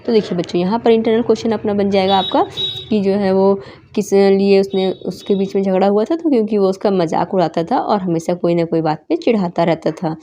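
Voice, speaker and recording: Brief: woman teacher explaining a story lesson to children, mellow tone, medium pitch. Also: brisk, slight background noise. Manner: reads aloud and explains, with "देखिए" asides. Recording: slightly dull lo-fi recording.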